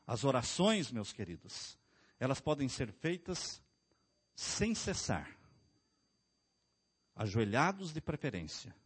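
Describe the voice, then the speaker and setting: A male pastor delivers a sermon, asking his congregation rhetorical questions. His voice sits slightly high and has a husky edge. His pitch rises and falls in wide, animated sweeps.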